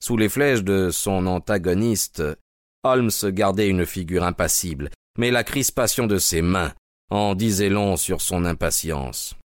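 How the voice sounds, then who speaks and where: A man giving steady, measured scripted narration of a dramatic story. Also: deep voice, dry recording, studio quality.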